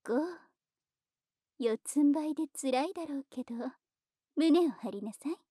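A woman voicing a teasing, commanding dominant woman in a whispered ASMR roleplay, speaking slowly and coaxingly with soft whispers. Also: sits high, animated, no room sound, clean studio sound.

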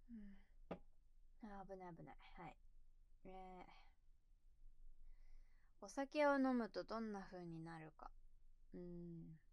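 A young woman in a relaxed, slightly tipsy chat, answering questions from home. Her talk wanders and often slips into soft, trailing mumbles between bursts of giggling. The sound is dry and close, with a mid-pitched voice she herself calls low. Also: no echo. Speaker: streamer answering viewer questions. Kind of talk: casual chat. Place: at home, sitting on the floor.

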